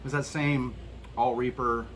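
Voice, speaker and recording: A man's voice: medium pitch, flat delivery, measured pace, fairly bright tone. A man chatting casually and candidly to viewers, swearing freely, his mouth burning from spicy food as he tastes hot sauces and answers questions. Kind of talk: casual solo chat to viewers. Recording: clearly noisy background.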